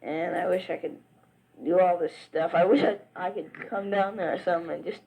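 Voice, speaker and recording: Through rough audio, a Southern-accented Virginia teen who wrestles in high school talks to a friend back home like he's speaking into a tape recorder. His voice is high, gravelly, darkish, and breathy-edged, with fairly even intonation and a fairly quick pace. He rambles along chattily, packed with "uh" and restarts.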